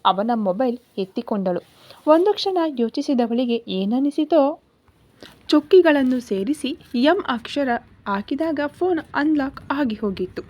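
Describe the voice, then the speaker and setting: A woman narrates a romantic story from a script. Her reading is expressive and dramatic. Her voice sits a little high. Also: unhurried.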